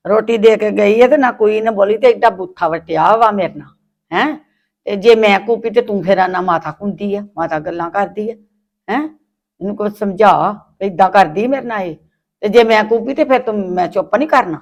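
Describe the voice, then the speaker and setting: Actress as a gravelly, aggrieved mother-in-law in a web drama; complaining, prickly. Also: medium pitch, normal speed, natural voice. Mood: indignant. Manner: complaining, indignant. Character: sharp-tongued older mother-in-law, quick to take offence. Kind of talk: family web-drama acting.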